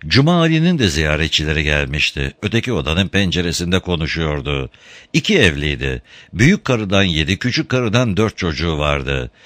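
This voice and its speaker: A man narrating a story aloud in an expressive storytelling manner. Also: sits low, dry recording. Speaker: reader.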